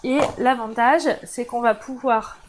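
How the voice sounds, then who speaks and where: A woman's voice: fairly high pitch, steady tone, unhurried, slight background noise, poor audio. A woman with a French accent hosting a casual live crafting demo, chatting to viewers with frequent laughs. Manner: chatty, warm asides to viewers, laughs often. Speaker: crafting channel host. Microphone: camera mic.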